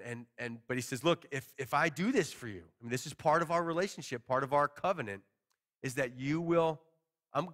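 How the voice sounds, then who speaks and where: A man in his forties preaching to a small congregation from a church stage, teaching conversationally and paraphrasing scripture in everyday words. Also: medium pitch. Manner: conversational, animated hand gestures, paraphrases scripture casually. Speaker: pastor. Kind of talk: expository sermon.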